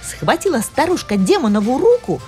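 A woman narrating a folk tale in an expressive telling. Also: sits high, moderate pace. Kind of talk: storybook narration. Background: faint music.

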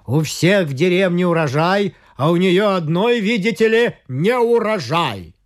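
A man voicing a boastful, bullying demon strongman who bellows in slow, drawn-out words. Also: high-pitched, lively intonation, pitched above the performer's own voice. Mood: shouting, angry. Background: faint music.

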